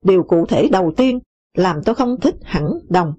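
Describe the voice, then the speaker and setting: A woman reading a memoir aloud in an even, measured way, dropping lower and slower for quoted lines. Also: no echo. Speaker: audiobook reader. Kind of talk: scripted memoir narration. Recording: dull lo-fi dry recording.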